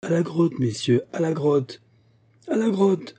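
Brash young male officers, voiced by a man reading a novel, taunt and shout with excitement. The husky voice is pushed high and loud. The tone stays dark underneath. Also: normal speed. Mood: eager. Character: hot-headed young male officers, mocking then furious.

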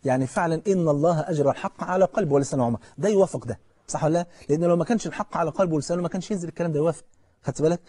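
A man with an Egyptian accent preaches in everyday language, narrating stories with energy, posing questions to listeners, and reciting scripture slowly and gravely. His pitch is fairly high and mellow, and the recording is dry.

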